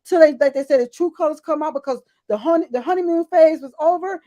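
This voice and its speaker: A woman's voice: sits high, fast talker, mellow. A middle-aged woman co-hosting a casual chat, talking bluntly and emphatically, with lots of agreeing interjections. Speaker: co-host.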